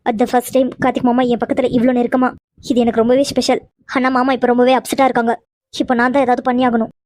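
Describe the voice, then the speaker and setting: A woman voicing a gentle young cartoon woman who is fond of a man and worried about him, speaking softly. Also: a little high, flat delivery, quick pace, no room sound, studio quality, pitched below the performer's own voice, natural voice. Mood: tender worry. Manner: soft, musing, affectionate. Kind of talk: cartoon voice acting.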